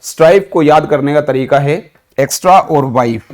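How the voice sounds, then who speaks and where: Man, Indian accent, language teacher, slightly high pitch, questions and answers his own prompts. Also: moderate pace, a little mellow. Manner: mixes Hindi and English, asks and answers own questions. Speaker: English vocabulary trainer. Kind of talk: online vocabulary lesson.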